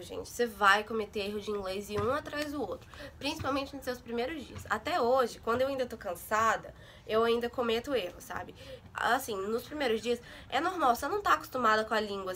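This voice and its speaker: A young woman from Brazil vlogs casually to camera in a high-ish, sharp-toned voice with lively intonation and a brisk pace, over slight background noise. She chats with her viewers, frequently adding little check-ins such as "sabe?" and "gente".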